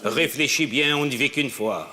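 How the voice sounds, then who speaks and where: A man's voice: mid-range voice, moderate pace, background noise, close to an everyday voice. An actor playing an eager, insistent centuries-old male genie of the lamp in a comedy sketch, grandiose and pleading. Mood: coaxing.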